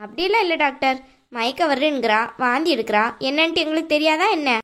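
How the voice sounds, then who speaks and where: A nagging middle-aged mother-in-law from a cartoon, voiced by a woman, always scolding and mocking. Her voice sits high. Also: animated, fast talker, a bit bright. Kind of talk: cartoon voice acting.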